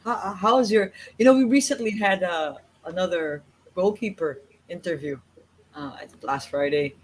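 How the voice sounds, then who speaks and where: A man's voice: sits high, moderate pace, slight background noise, low-quality recording. A man co-hosting a casual interview, stumbling and repeating words as he asks questions. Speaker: podcast co-host.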